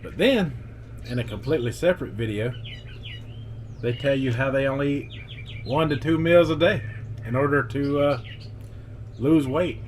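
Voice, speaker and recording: A man's voice: medium pitch, moderate pace, long pauses, a little mellow. A man giving his opinion in a casual vlog, emphatic and plain-spoken, with faint noise and birdsong behind him.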